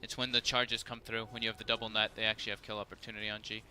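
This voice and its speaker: A man giving analytical esports color commentary, talking fast with many fillers like "like" and "you know". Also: lowish voice, little pitch movement, bright, forceful tone, slight background noise.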